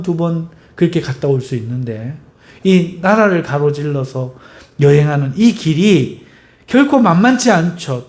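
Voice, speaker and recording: High-voiced man preaching a sermon. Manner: preaching with rhetorical questions to the congregation; emphatic, swinging in pitch and loudness. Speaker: pastor.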